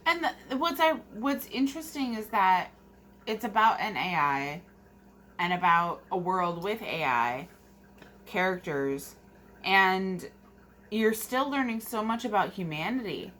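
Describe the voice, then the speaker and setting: Halting woman chatting, audible background noise. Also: mid-range voice, expressive, a bit bright. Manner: halting, repeats and rewords phrases. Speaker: book review co-host. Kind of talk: casual book discussion.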